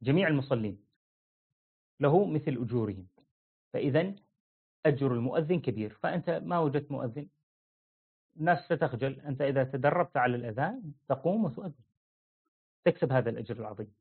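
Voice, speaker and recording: A man's voice: mid-range voice, expressive, fast talker, pauses often, husky. A man giving an informal religious lesson, explaining plainly and demonstrating how phrases are chanted. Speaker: religious teacher. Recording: phone-like narrow audio.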